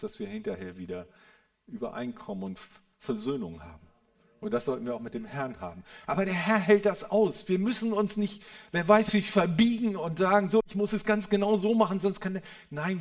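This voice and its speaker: Earnest preacher, hushed to fervent. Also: male voice, on the high side, gravelly. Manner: addresses listeners with a questioning "Ja?". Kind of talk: sermon.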